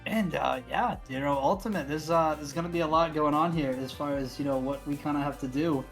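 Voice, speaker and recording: A man's voice: on the high side, a little fast, fairly bright tone, faint music behind. A man co-hosting an esports draft stream, talking casually and upbeat with lots of fillers. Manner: upbeat, rambling with many fillers. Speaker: draft co-host.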